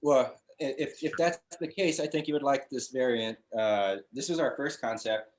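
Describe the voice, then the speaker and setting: A man, a brewery founder chatting as a guest on an interview show, relaxed and full of fillers and restarts. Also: medium pitch, normal speed. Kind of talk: casual interview chat.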